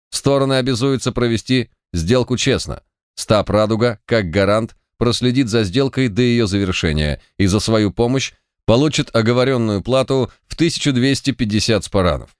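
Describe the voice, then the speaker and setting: A man voicing a coldly indifferent male deal guarantor in a suit, speaking in a flat, formal, businesslike way. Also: medium pitch, dry recording, studio quality, pitched above the performer's own voice, lightly acted.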